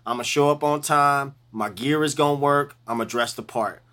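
A man in his forties, a bass player, talking about gigs in an animated, emphatic way, at times teasingly putting on a preacher's cadence. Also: normal speed. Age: 40s. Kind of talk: casual interview chat.

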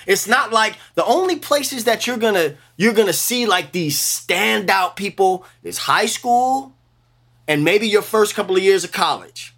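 Animated bright-voiced man in his forties. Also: high voice, a little slow. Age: 40s. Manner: animated, emphatic, slips into a mock preacher voice. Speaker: bass player guest. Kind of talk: casual interview chat.

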